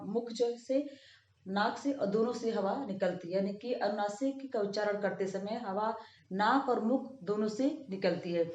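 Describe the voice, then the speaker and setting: A woman's voice: medium pitch, a little mellow. Patient woman teacher in an echoey room. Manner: patient, repeats rules slowly. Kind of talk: grammar lesson for children. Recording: echoey room, dull lo-fi sound.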